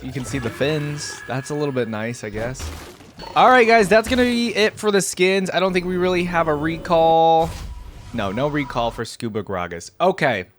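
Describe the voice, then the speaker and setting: A gaming video creator gives casual reaction commentary, talking conversationally and thinking aloud as he goes. His voice is a little high, with no room sound and music playing in the background.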